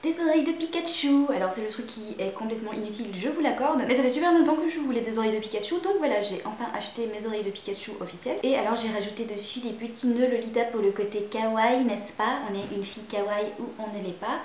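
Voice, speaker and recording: A woman's voice: on the high side, fast talker, hardly any pauses, darkish tone, reverberant, a little hiss or hum. A young woman hosting a casual vlog, chatty and self-mocking, with crude jokes. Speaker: vlogger showing a shopping haul.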